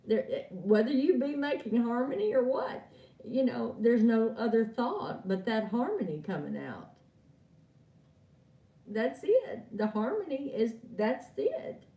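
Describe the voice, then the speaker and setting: A woman chats through an oracle card reading, laughing and calling viewers by name. Her voice sits low and mellow but swings widely, and she takes her time. It sounds like an echoey room with the mic set back from her. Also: very animated, a little slow, far from the mic, highs cut off. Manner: chatty, laughs often, talks to viewers by name. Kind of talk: live stream chat with viewers.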